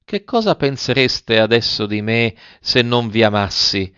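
A man's voice: mid-range voice, measured pace, fairly bright tone, smooth, dry recording, natural voice. A scornful proud countess, voiced by a male reader. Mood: bitter, ironic. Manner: scornful, clipped retorts. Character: proud, bitter noblewoman, sarcastic and scornful. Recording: slightly dull, dry close recording.

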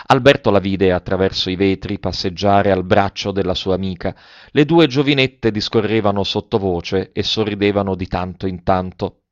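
A male narrator reads a classic novel in a measured, expressive style, his voice sitting low. The sound is dry and close, with a dull, muffled tone. It feels like a plain home audiobook recording. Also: no room sound. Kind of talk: audiobook reading.

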